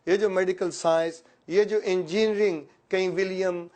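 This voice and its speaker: A man's voice: sits high, fairly even intonation, a little mellow. A man from Pakistan, an educator, giving a motivational speech and telling a story with playful asides to his listeners.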